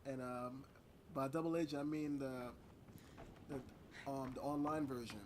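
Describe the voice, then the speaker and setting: A man's voice: mid-range voice, fairly even intonation, a little slow, slight background noise. A man giving casual, slangy let's play commentary as he plays a video game. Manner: laid-back, slangy. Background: game music.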